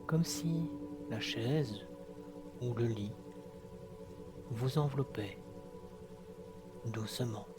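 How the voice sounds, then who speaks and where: A man guiding a hypnosis session in a soft, sultry, soothing, hushed voice with long pauses. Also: medium pitch. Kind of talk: slow guided hypnosis narration. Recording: music behind the voice. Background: clear background music.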